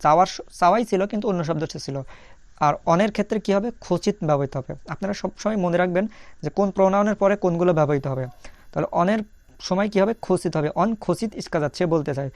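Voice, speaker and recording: Over his screen, a man gives a language lesson, saying every phrase slowly and spelling the sounds out letter by letter. His voice is high-pitched, and there's no echo.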